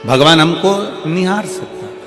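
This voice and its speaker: A man's voice: on the high side, moderate pace. A male preacher giving a devotional sermon, building his point by repeating phrases and calling on the crowd to answer. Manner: repetitive rhetorical preaching, asks crowd to answer. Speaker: katha preacher. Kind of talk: devotional sermon with bhajan singing. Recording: long hall reverb with loud music.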